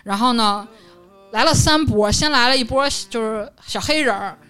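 A young woman, telling a story in lively casual chat and acting out the quotes. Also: on the high side, normal speed, clean tone, faint music behind. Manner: lively, animated retelling, acts out quotes. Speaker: podcast co-host.

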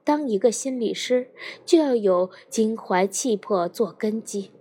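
A woman narrating an audiobook in a measured, earnest storytelling manner, with character dialogue read in. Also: a little high, expressive, dark tone, breathy edge.

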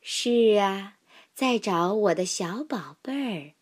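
A woman voicing a loving mother duck in a storybook, speaking softly and tenderly. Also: mid-range voice, lively intonation, slightly rough. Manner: soft, slow and tender.

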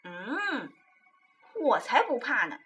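A woman voicing an excited little fox cub. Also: high-pitched, a little slow, faint music behind, pitched above the performer's own voice, full character voice. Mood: excited, boastful. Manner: loud, boastful and cheerful.

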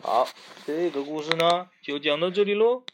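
A man narrating a children's story, animated, asking the listener questions. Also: on the high side, moderate pace, background noise. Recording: muffled lo-fi recording.

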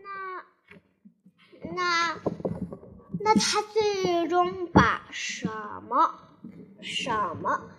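Woman children's storyteller, slow and high, coaxing, kid-friendly delivery. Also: big pitch swings, low-quality recording. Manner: gentle, coaxing, addresses children. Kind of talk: bedtime story reading for children.

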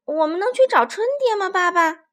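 A woman voicing a lively little boy bear cub who shouts excitedly, in a storybook reading. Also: very high voice, normal speed, voice pushed up. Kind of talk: storybook voice acting.

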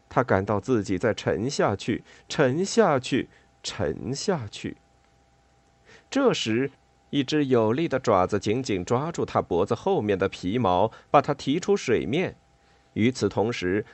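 A man narrating a children's storybook with an expressive, animated delivery. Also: medium pitch, dry recording. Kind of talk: audiobook storytelling.

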